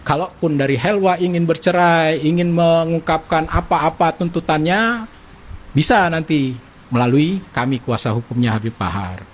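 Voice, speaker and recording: A man speaking as a legal counsel, giving a measured, formal and conciliatory statement. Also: on the high side, a little hiss or hum. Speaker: lawyer. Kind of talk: press statement.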